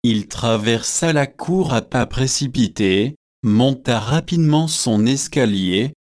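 A man narrating a nineteenth-century novel as an audiobook reader, slow and measured. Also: mid-range voice, a little mellow. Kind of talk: scripted narration.

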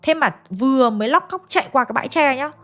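A woman's voice: sits high, animated, fast, a bit bright, faint music behind. A woman, casually narrating a ghost story she retells from a listener. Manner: chatty, retells a listener's story in colloquial northern speech.

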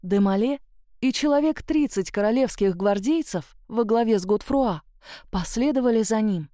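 A woman's voice: a little high, lively intonation, moderate pace, dark tone, no echo, clean studio sound. A woman reading a novel aloud in first person, voicing a young heroine. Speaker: audiobook narrator.

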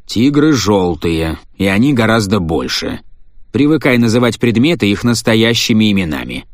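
A man doing a sneering scientist husband, curt, impatient, low voice, dry close sound, audiobook. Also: very animated, moderate pace, no room sound. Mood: irritated. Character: cold, irritable scientist husband, middle-aged man.

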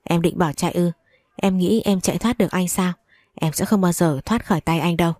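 A woman's voice: on the low side, a little fast, darkish tone, dry recording, studio quality, lightly acted. A woman voicing an obsessive, pushy man who will not let his ex go, in a read-aloud story. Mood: menacing. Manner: insistent, pleading then menacing.

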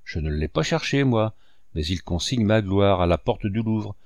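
A man's voice: fairly low pitch, animated, moderate pace, darkish tone, no room sound, studio quality. A man voicing a wounded old painter. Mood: indignant. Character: old sorrowful male painter, indignant.

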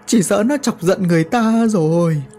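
A narrator voicing a worried village father who scolds and shouts in alarm. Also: high-pitched, moderate pace, soft background music.

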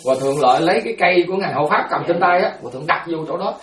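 Fields: male Buddhist monk. Style: fast, animated dharma storytelling with a fairly high voice. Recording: roomy, distant. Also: crowd noise. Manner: animated storyteller, repeats words, acts out quotes.

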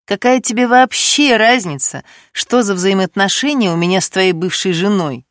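A woman's voice: mid-range voice, moderate pace, no echo, studio quality, lightly acted. A woman voicing a curt, defensive middle-aged man who snaps back in an audiobook. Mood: snappish. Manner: snapping, defensive.

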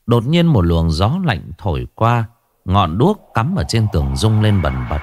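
A man's voice: on the low side, wildly swooping pitch, unhurried, a little hiss or hum. A man narrating a horror story in a dramatic, ominous way.

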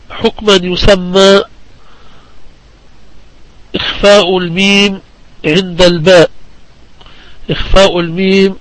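A man from Palestine gives a religious lesson on recitation rules with a fairly high voice that stays level. He talks slowly and deliberately, repeating key phrases so students can follow. The sound is dry and close. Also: a bit bright, no room sound, rough recording. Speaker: Quran recitation teacher.

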